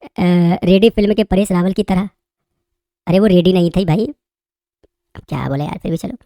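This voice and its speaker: A woman's voice: fairly low pitch, normal speed, warm tone, dry recording, studio quality. A woman commentator reading out social media posts and remarking on them in a chatty way, talking straight to her viewers. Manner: chatty, addresses viewers directly as brother.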